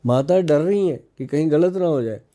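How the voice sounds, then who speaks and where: A man's voice: fairly high pitch, fairly quick, mellow. A man from India in his fifties, an Ayurvedic expert on a podcast, explaining in a folksy way with personal anecdotes. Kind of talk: casual podcast interview.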